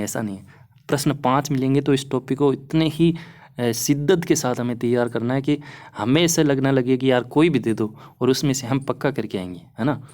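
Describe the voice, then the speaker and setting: A young male exam-prep teacher walks students through phonetics examples at a steady clip. He keeps it casual and reassuring and often checks in with the class as he goes. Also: medium pitch. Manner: encouraging, repeats "है ना" often. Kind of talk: explaining lesson over slides.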